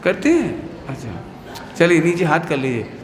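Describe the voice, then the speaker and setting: A man's voice: fairly high pitch, very animated, unhurried. A man teaching a class of children as a religious teacher, playful and full of questions for the class, sometimes acting out scolding mothers and teachers. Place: hall with children. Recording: echoey hall with long reverb.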